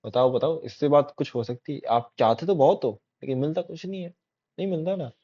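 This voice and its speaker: A man's voice: on the high side, a little fast, mellow, husky. A man teaching a coding lesson in a casual, repetitive way, often checking that listeners follow. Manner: chatty, repetitive, keeps checking in with "theek hai". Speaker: coding tutor. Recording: dull lo-fi recording.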